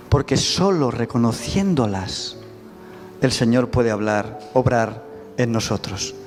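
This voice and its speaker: A man with a Spanish accent preaching a sermon, emphatic and putting rhetorical questions to the congregation. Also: medium pitch. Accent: Spanish from Spain. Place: church sanctuary. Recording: reverberant church hall with faint music.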